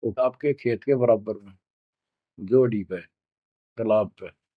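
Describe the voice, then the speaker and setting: Man voicing an earnest village devotee, slow reassuring talk. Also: on the low side, dry recording, phone-quality sound.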